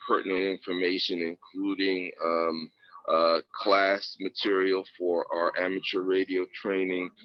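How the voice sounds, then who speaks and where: Deep-voiced man over a two-way radio. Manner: measured delivery with many uh fillers. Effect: heard over a two-way radio. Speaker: radio net control operator. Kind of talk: reading announcements in radio procedure. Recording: muffled radio audio with faint hiss.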